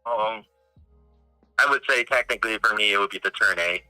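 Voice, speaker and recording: A man's voice: on the low side, moderate pace, pushed and bright, faint music behind, poor audio. A man heard over a phone on speakerphone, a phoned-in guest expert in casual chat who stops to search for names as he explains.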